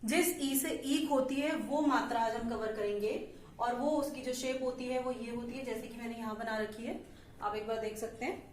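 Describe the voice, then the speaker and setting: A woman teacher patiently explaining letter sounds to small children, stretching out syllables slowly and checking in often. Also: a little high, steady tone, slight background noise. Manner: patient, slow, drawn-out syllables with frequent "theek hai". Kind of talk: Hindi phonics lesson for young children. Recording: echoey room, mic at a distance.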